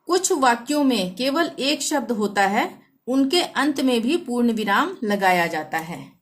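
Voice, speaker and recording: A woman teaching a Hindi grammar lesson, reading example sentences slowly and deliberately. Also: a little high, very animated.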